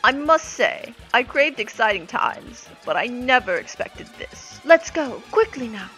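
A man voicing a genteel, fretful older lady from a video game, with prim, dramatic, drawn-out phrasing. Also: very high voice, sing-song, pushed and bright, faint music behind, pitched above the performer's own voice, heavily acted, low-quality recording. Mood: prim urgency.

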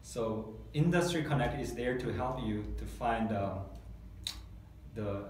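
Slow and slightly mellow in a mid-range voice, a thirty-something man from South Korea gives a testimonial interview in his second language, English, stumbling with fillers and restarts. Seated at a table in a small, dim meeting room, he's picked up by a far-off mic amid echo and light hiss.

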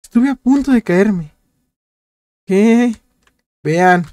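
A man's voice: high-pitched, lively intonation, very slow, a little mellow, no echo. A man casually commenting on his gameplay, joking and talking to viewers while repeating short words in bursts. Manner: chatty, jokey, talks to viewers while playing. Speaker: gameplay youtuber.

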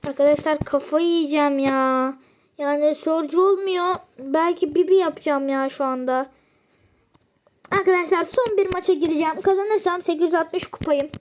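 Very high-voiced woman, excitable gamer, narrates her own match live, quick to get exasperated. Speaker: gaming channel host. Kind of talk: live gameplay commentary.

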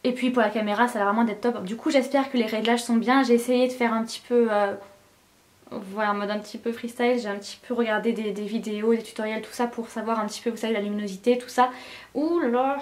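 A young woman vlogging from home in a casual, gushing way, her voice sitting somewhat high. She talks to her camera with plenty of fillers and excited asides. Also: fast. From France. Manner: chatty, enthusiastic, gushing with frequent fillers. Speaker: beauty vlogger. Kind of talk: casual vlog chat.

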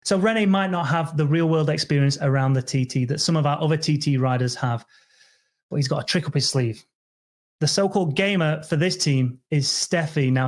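A man hosting an online show, interviewing guests with jokey, upbeat questions. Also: on the high side. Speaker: host.

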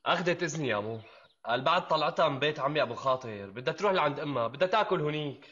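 A man's voice: a little high, animated, rapid-fire, fairly bright tone, lo-fi sound. An actor in a Syrian TV drama playing a genial, affectionate family man at the dinner table, with a Damascene accent. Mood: easygoing.

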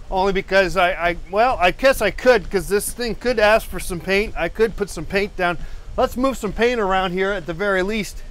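This man has a high, fairly bright voice that sounds clear and resonant. He's running a live painting stream from his messy indoor studio, lapel mic clipped on as he walks a treadmill. The talk wanders, pokes fun at himself, and is packed with fillers and false starts.

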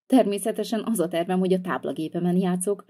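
A woman's voice: fairly low pitch, warm tone, close to an everyday voice. A woman voicing a sulky, hot-tempered young boy in a toy-figure video, whiny and defiant.

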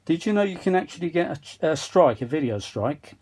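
A British vintage audio tinkerer and video maker talks himself through a repair at an indoor workbench, rambling casually and joking at his own expense. His fairly high, slightly rough voice is brisk, set against steady machine noise.

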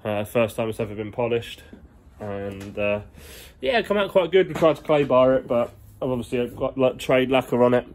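A man's voice: medium pitch, expressive, normal speed, darkish tone, a little hiss or hum. Chatty young man. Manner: chatty, rambling, slangy. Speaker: car vlogger. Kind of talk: casual vlog, walking workshop tour. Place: large indoor garage workshop. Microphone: phone held at arm's length.

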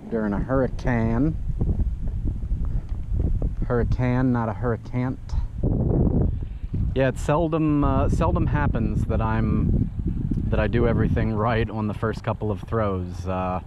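A man's voice: lowish voice, unhurried, long pauses. A man hosting his fishing channel, talking casually outdoors by a lake while he fishes, rambling with lots of "uh" and restarts. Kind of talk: casual first-person fishing commentary. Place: outdoors at a windy lake shore. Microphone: head-mounted action camera. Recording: dull lo-fi action camera audio with wind noise.

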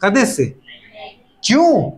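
High-voiced man teaching chemistry, teasing. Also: wildly swooping pitch. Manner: playful scolding, voices students' replies; fast repeated catchphrases and rhetorical questions. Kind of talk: classroom lecture.

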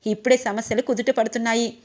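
Brief: woman narrator voicing a steady, firm older matriarch, fairly high voice. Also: fast, close to an everyday voice. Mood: soothing. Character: calm elder sister-in-law urging restraint.

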